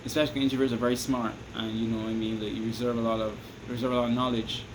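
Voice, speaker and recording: A Barbadian man with a medium-pitched, level voice rambles through casual advice to his viewers on camera, talking very fast over background noise. A vlogger, he keeps restarting sentences and asking "you understand me?" again and again.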